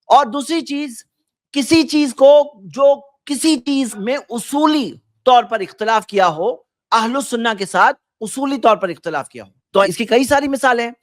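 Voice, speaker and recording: Preacher, male, high-pitched, dry close sound, lectures through rhetorical questions. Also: no room sound. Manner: explains with rhetorical questions, quotes Arabic then translates. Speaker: Islamic preacher. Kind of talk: religious talk.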